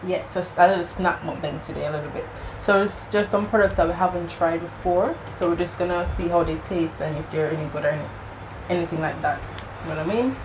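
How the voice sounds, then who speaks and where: Jamaican woman, lowish voice, chatty host, noisy background. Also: steady tone, fast. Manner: chatty, explains the snacks. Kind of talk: casual mukbang chat.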